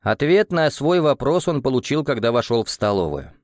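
A man's voice: mid-range voice, no echo. Man reading an audiobook in a dry voice. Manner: steady, measured reading. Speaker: audiobook narrator. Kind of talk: scripted narration.

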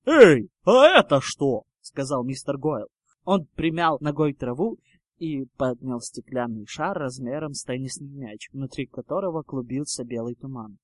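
A man narrating a story in a lively, dramatic audiobook reading. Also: medium pitch, moderate pace, no room sound, clean studio sound. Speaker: reader.

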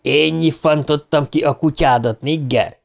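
A man's voice: fairly high pitch, vocal fry, voice pushed up. A man voicing a cruel, furious teenage boy bully who bellows his words. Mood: taunting. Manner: bellowing, raw yelling.

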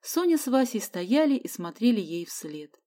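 A woman reading an audiobook in even, measured narration. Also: a little high.

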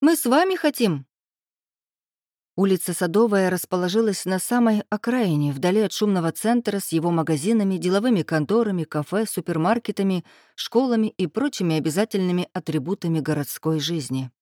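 A woman reading a novel aloud as narrator, acting out the dialogue with lively voices. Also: brisk, hardly any pauses, no room sound, studio quality. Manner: lively, acts out dialogue with raised pitch. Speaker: audiobook narrator. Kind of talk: scripted narration with character voices.

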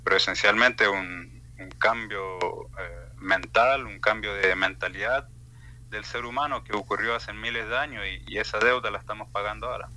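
Male panelist, radio studio; low, forceful, sharp tone; reflective. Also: fairly even intonation, moderate pace. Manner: reflective, philosophical, tags phrases with questions.

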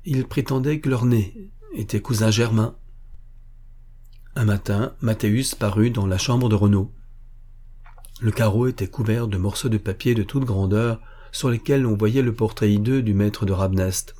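A man narrating a historical adventure novel in a steady storytelling manner. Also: lowish voice, normal speed. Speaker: audiobook narrator. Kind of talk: scripted narration.

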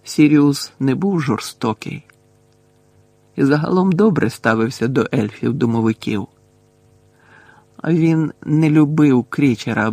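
A man voicing a tired, wise old wizard headmaster, speaking softly and evenly. The voice has a gravelly, husky grain, recorded close in a dry space. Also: mid-range voice, no echo. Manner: quiet, measured, gentle. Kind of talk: audiobook character voice.

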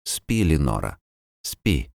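A man playing a calm, ghostly tightrope walker who keeps dreams and speaks softly and slowly, in an audiobook. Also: low voice, no echo, studio quality. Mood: soothing. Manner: soft, slow, soothing.

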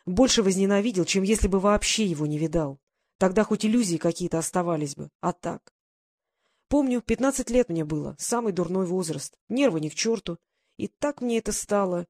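A woman voicing a weary, aging male ex-convict father who speaks in a gruff, resigned way. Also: medium pitch, expressive, fairly quick, darkish tone, dry recording, clean studio sound. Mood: bitter.

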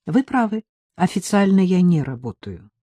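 A woman reading a calm, wry grown man. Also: lowish voice, no room sound, studio quality. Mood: matter-of-fact. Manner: measured, dryly mocking.

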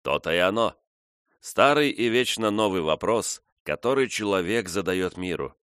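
Audiobook figure: male reader doing a philosophical old colonel, low and unhurried. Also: expressive, a bit bright, clean tone, no echo, clean studio sound. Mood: musing.

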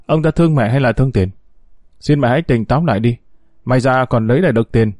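A man reading a story aloud and voicing a grown son who fires sharp, accusing questions at his mother. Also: mid-range voice, quick pace, no echo, studio quality, close to an everyday voice. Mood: angry.

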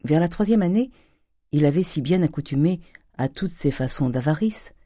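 Brief: audiobook narrator, mellow dark voice, dry close recording, steady reading. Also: medium pitch, moderate pace, no room sound. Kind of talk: audiobook reading of a classic novel.

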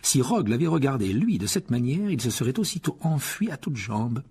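A man reading a children's fantasy novel aloud as audiobook narration, in an expressive storytelling manner. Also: medium pitch, brisk, slightly rough. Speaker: audiobook reader. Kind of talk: scripted narration.

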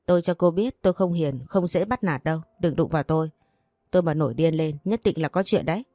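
A woman's voice: low voice, fast talker, dark tone, no room sound, close to an everyday voice. A woman voicing a stubborn young wife in an audio story, blunt and defiant. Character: stubborn young wife who won't be bullied.

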